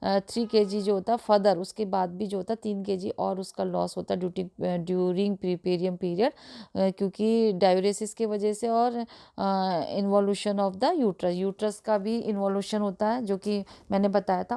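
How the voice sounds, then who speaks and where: A woman teaching a nursing lesson, explaining slowly with frequent pauses, filler sounds and restated terms. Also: mid-range voice, steady tone, creaky, warm tone, smooth. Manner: hesitant, fills pauses with "uh", repeats and restates terms. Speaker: nursing tutor. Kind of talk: explanatory lecture in Hindi mixed with English terms.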